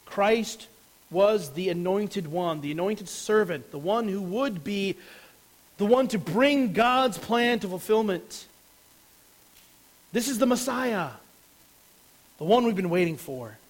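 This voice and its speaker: A man's voice: sits high, lively intonation, slow, long pauses, low-quality recording. A man preaching a sermon as a pastor, explaining a passage earnestly and stressing key words.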